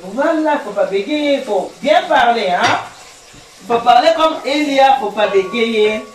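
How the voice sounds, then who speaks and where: Older woman cooking at home and chatting, higher voice, kind of far from the mic, echoey room. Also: slow. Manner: chatty, teasing, animated storytelling. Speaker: host, grandmother. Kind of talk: cooking show with marriage advice. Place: home kitchen.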